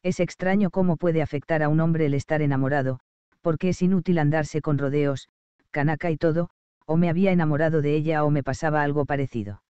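A man narrating an audiobook in a measured, expressive storytelling manner. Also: on the high side, clean tone, dry recording, highs cut off.

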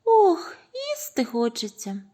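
A woman voicing two lazy, playful little mice in a children's audio tale, with high squeaky cries. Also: wildly swooping pitch, takes it slowly, dark tone, exaggerated voice. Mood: hungry.

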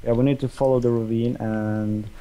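A man's voice: medium pitch, fairly even intonation, normal speed, over a noisy crowd, poor audio. A man chatting casually while playing a game with friends on a voice call, rambling and full of hesitations. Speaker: let's play gamer. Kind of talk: casual gaming chat over a voice call.

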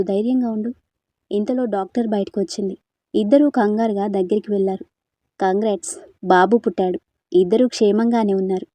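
Female storyteller, mellow voice, dry close sound, narrates a romance and voices all parts herself. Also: mid-range voice, no room sound. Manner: reads narration and all characters' dialogue in one voice.

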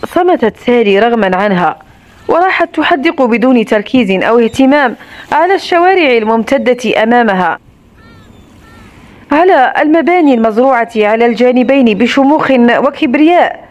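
Brief: woman narrator, high and clear, steady storytelling pace. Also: normal speed, highs cut off. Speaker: audiobook narrator. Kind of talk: scripted narration of a romance novel.

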